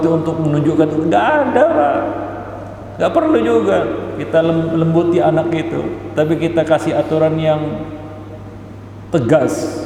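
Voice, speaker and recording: A man's voice: fairly high pitch, dark tone, a little hiss or hum. A man giving an emphatic parenting lecture as a preacher, repeating his points for stress. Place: mosque hall. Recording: echoey hall, faint ambience.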